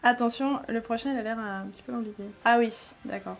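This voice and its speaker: A woman's voice: on the high side, brisk, vocal fry, heavy background noise. A woman hosting an English-learning channel, giving reaction commentary, explaining pronunciation step by step and thinking aloud as she sounds out words.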